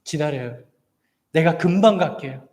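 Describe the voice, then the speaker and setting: A man's voice: a little high, normal speed, a little mellow, close to an everyday voice. A man voicing a worried, kind middle-aged mother who speaks in a reassuring, urgent way. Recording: long church hall reverb.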